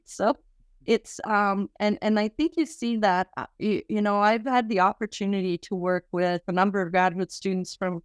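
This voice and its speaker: A middle-aged research director from Quebec, whose first language is French, speaks earnestly in a podcast interview, halting and often restarting her sentences. Her medium-pitched voice has a clean tone, recorded at studio quality with no room sound.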